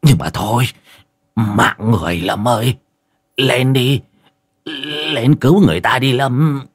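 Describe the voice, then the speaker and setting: A man voicing a timid, cowardly old sorcerer who mutters slowly in fear. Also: medium pitch, slightly rough, no echo, studio quality. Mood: fearful muttering. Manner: slow, muttering, fearful.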